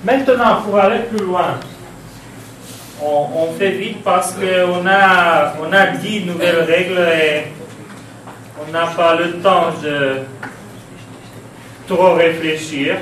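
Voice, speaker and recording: A male French teacher with a Romanian accent giving a lesson on spelling rules, in a slow, halting way with many hesitations, spelling out letters and repeating words. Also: high-pitched, a bit bright, slight background noise. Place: classroom. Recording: very echoey classroom, voice from far off.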